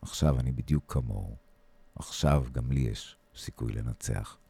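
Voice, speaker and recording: A man reading a short story aloud on a podcast, with shifting intensity and a raised voice for the shouted lines. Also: very deep voice, gravelly, husky, dry recording.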